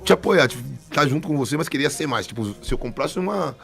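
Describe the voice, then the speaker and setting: A man's voice: on the high side, quick pace, creaky, faint music behind. Chatty São man telling stories. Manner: chatty, animated anecdotes with many restarts. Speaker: band vocalist, guest. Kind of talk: casual storytelling interview.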